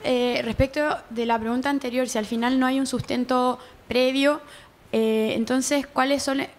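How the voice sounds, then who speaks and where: A woman in the audience asks the lecturer a question in a high voice. She hesitates and thinks aloud with fillers as she works her way to it. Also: fairly even intonation, moderate pace, slight background noise. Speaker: audience member asking a question.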